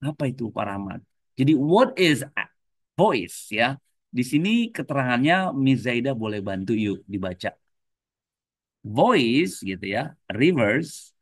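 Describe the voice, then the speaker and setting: A man's voice: medium pitch, sing-song, takes it slowly, dry recording. Dry-sounding man teaching an online class. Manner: explains in mixed English and Indonesian, tags phrases with "ya"; repeatedly addresses the class as friends. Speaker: English teacher.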